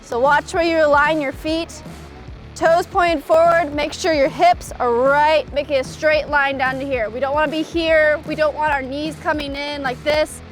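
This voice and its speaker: A woman's voice: sits high, fairly even intonation, normal speed, soft background music. A woman swim coach giving brief, direct technical cues during a demonstration at an outdoor pool. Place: outdoor swimming pool deck.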